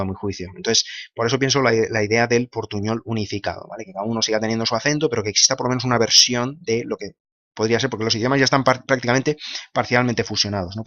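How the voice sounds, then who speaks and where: A man's voice: lowish voice, a bit bright, no echo. A man, answering viewer comments in a casual monologue, thinking aloud and checking in with short tag questions. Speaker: video blogger answering comments. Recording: slightly dull lo-fi sound.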